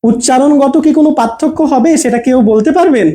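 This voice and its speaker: A man's voice: very high voice, fast, warm tone. A male Bangla teacher giving an online lesson, asking his class questions and then answering them himself. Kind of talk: online class lesson reading viewer comments.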